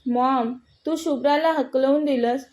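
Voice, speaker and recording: A woman's voice: high-pitched, fairly even intonation, measured pace, darkish tone. A woman voicing a hot-tempered young man who speaks sharply and demandingly. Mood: angry.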